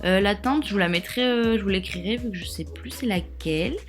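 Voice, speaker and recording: A woman's voice: medium pitch, brisk, faint music behind. A young woman casually narrating a makeup tutorial, rambling with lots of fillers and joking asides. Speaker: beauty vlogger.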